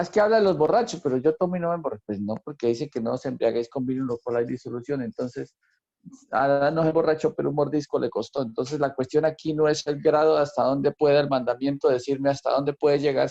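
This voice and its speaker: A man with a mid-range, mellow voice and some vocal fry tutors a Bible class. He repeats phrases to drive points home and quizzes his students as he teaches. The audio sounds dull.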